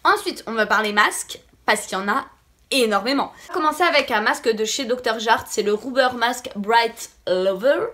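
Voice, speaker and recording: A woman with a fairly high voice and a noticeable lisp that makes her s sounds slushy. She sounds a little sick and talks casually to her viewers as a beauty vlogger, repeating words for emphasis. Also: normal speed, pushed and bright, slight background noise. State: slightly sick voice. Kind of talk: casual product review chat to viewers.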